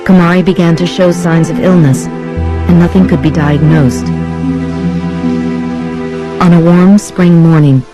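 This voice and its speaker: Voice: mid-range voice, steady tone, a little slow, long pauses. Nature documentary narrator over prominent music.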